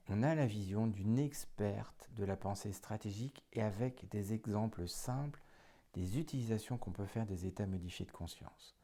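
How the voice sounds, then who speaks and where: A man's voice: fairly low pitch, warm tone. A man hosting an interview show, introducing his guest with enthusiasm and some fillers. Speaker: podcast host.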